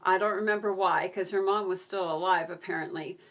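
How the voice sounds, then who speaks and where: A woman's voice: lowish voice, steady tone, a little fast, fairly bright tone. A woman telling a story in a casual live stream, chatty, breaking off to answer viewer comments. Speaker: video creator on a live stream.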